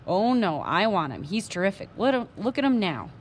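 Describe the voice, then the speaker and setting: A woman's voice: fairly low pitch, normal speed, slight background noise, lightly acted. A woman reading aloud and voicing a stubborn young boy who whines and insists on getting his way. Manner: whiny, insistent. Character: upset young boy in pain, possessive and stubborn.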